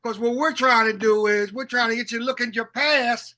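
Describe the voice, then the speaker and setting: A man's voice: very high-pitched, fairly even intonation, pushed and bright. A man hosting an interview, reflecting back on his guest's story with stammered restarts. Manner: stammering, many quick restarts. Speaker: interview host. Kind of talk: conversational interview.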